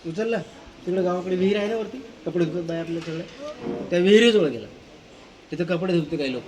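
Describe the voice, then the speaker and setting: A male teacher tells a story to schoolchildren at school. He is lively and repeats phrases to carry the tale along, and his voice is slightly high. There is a faint hum of room noise behind him. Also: fast talker.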